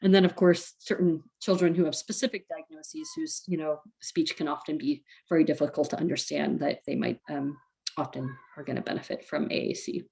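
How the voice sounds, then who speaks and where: A woman's voice: lowish voice, darkish tone. A woman speech therapist giving a casual, chatty webinar talk to parents, with many fillers and small laughs. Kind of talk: recorded webinar presentation for parents.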